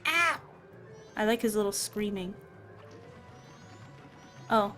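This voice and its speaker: A woman's voice: mid-range voice, lively intonation, takes it slowly, bright, forceful tone. A woman streaming a video game, chatting casually and playfully, laughing at herself as she plays. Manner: giggly, playful, self-mocking. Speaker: VTuber streamer. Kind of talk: casual gameplay commentary. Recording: faint game music behind. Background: faint game music.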